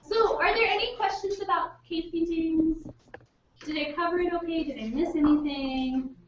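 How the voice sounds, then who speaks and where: This young woman's voice is extremely high, and she talks at a normal speed while teaching, posing questions to her pupils and encouraging them. Captured from afar in an echoey classroom, the lesson comes through dull and noisy.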